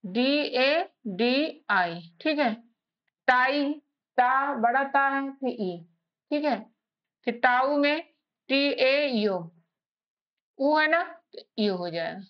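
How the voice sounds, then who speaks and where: Slow, high-voiced woman teaching spelling. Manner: slow, patient, spells out letters one by one. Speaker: English teacher. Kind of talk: step-by-step spelling lesson. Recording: slightly dull lo-fi recording.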